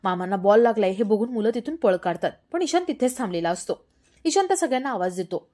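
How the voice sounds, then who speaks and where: A woman narrating a television serial recap in a steady storytelling voice. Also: medium pitch, quick pace.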